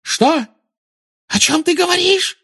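Shrill screeching witch voiced by a man, very high, frantic, audiobook. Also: expressive, takes it slowly, sharp tone, full character voice. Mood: shrieking. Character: shrieking frantic female witch, fanatical.

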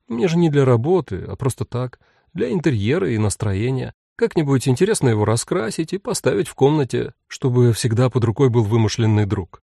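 A man's voice: medium pitch, animated, brisk, vocal fry, mellow, slightly rough, dry recording. A man voicing a grown daughter who talks in a dry, lightly amused, joking way. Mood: wry.

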